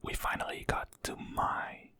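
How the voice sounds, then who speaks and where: An ASMR creator from Portugal whispers softly and slowly, repeating each phrase.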